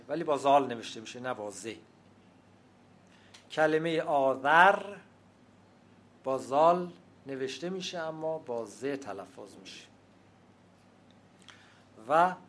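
A man giving an academic lecture, speaking in a measured, explanatory way and pausing often with hesitations. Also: a little high. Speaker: lecturer on language history.

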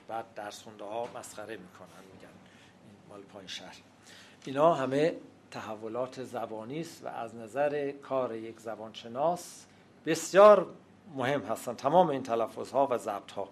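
A man giving an academic lecture, speaking in a measured, explanatory way and pausing often with hesitations. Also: medium pitch, slight background noise. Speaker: lecturer on language history.

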